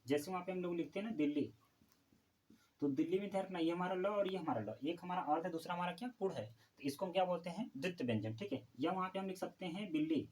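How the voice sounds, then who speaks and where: A man teaching a Hindi grammar lesson for exam preparation, asking questions and answering them himself and repeating key terms slowly. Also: high voice, animated, a little mellow, rough recording.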